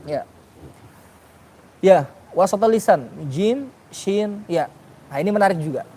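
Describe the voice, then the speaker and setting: A man's voice: sits high, expressive, moderate pace, warm tone, slight background noise. A man teaching a class on Quranic pronunciation, questioning his students and sounding out letters for them. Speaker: tajwid teacher.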